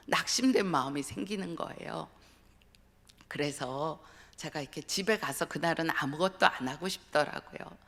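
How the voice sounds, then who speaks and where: A middle-aged woman giving an earnest sermon with personal testimony, often dropping to a hushed whisper for emphasis. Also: low voice, vocal fry. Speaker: guest speaker at a dawn revival service. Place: church sanctuary. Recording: long church hall reverb.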